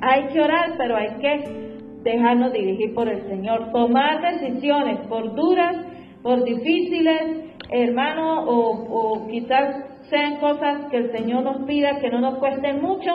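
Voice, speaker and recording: A woman preaches a fervent sermon and returns again and again to her refrains. Her voice sits a bit high, and the room echoes around her. The recording sounds dull and lo-fi, with soft music underneath. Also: a little slow. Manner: fervent, repeats "hermano" and "gloria al Señor".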